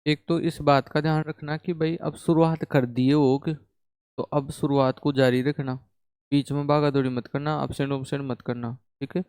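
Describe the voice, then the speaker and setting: A young man teaching a math class, talking lively and often checking with his students. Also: fairly high pitch, normal speed, smooth, no echo. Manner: animated, repeats "ठीक है?" to check the class. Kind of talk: classroom lecture.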